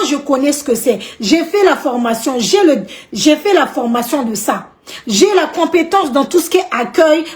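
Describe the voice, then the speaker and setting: A woman talks straight to her viewers in a high voice. She scolds with indignation and circles back over her own points, stumbling and restarting as she presses on. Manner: indignant, scolding, repeats herself. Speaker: vlogger. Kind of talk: direct-to-camera rant.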